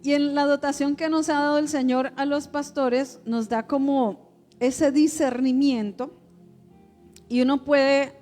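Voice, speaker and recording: A woman's voice: high voice, a little mellow. A woman pastor, preaching a sermon in a conversational way, with rhetorical questions to the congregation.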